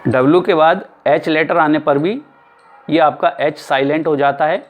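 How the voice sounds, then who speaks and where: A male teacher giving an explanatory lesson, spelling words out letter by letter and repeating them slowly. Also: a little high. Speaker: English teacher.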